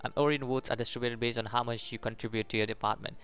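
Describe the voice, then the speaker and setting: With a medium-pitched, steady, fairly bright and resonant voice, this man speaks fast and clearly while hosting a gaming video. He reads the story text aloud, tripping over words now and then and commenting as he goes, over faint game music.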